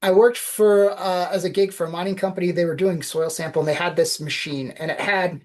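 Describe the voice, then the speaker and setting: A woman's voice: fairly low pitch, steady tone, brisk, darkish tone. A woman guest on a podcast, telling reflective anecdotes in a casual interview.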